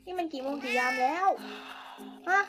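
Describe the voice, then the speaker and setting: A woman's voice: high voice, moderate pace, voice pushed down, natural voice. A woman voicing a lazy, domineering wife who nags and gives commands, in a cartoon fan dub. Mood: bossy. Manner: imperious, nagging commands. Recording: music playing underneath.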